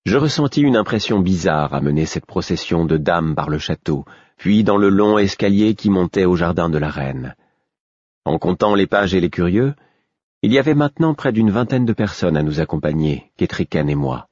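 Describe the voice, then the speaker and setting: A male audiobook narrator with a very low, husky voice, reading first-person literary prose in a measured, even way. The recording is close, dry, and somewhat dull. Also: dry recording.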